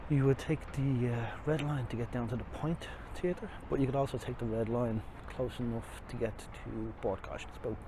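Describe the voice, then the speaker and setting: Speaking through a face mask in a steady, medium-pitched voice at normal speed with hardly any pauses, an Irish man rambles through a casual, self-deprecating walking tour. He is outdoors on city streets by a river, and the recording is noisy with street and vehicle sounds.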